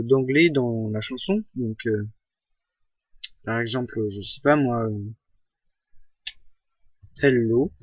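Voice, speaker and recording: A man walks through a software tutorial at a slow, unhurried pace. He hesitates often and corrects himself mid-sentence. The recording is dry and a little dull, made at a home computer. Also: medium pitch, dry recording. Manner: slow, hesitant, many fillers and self-corrections.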